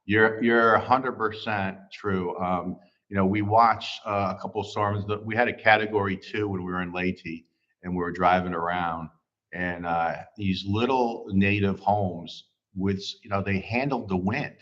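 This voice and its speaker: A man's voice: low-pitched, steady tone, measured pace, fairly bright tone. A middle-aged man hosting a livestream, chatting casually about viewer comments and rambling with many fillers. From United States. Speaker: livestream host. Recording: slightly dull livestream audio.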